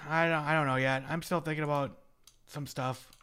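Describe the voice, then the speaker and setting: A man's voice: fairly high pitch, steady tone, a little fast, bright, forceful tone, smooth. A man hosting a casual podcast chat, rambling and trailing off with fillers as he talks about shows and releases. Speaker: podcast host.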